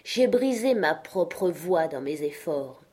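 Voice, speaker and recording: A bitter, obsessed male inventor, as a woman reads him, his broken voice muffled and hoarse. He declaims grimly, pitched well below the reader's own voice. An audiobook reading. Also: expressive, slow, darkish tone. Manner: grim and declaiming.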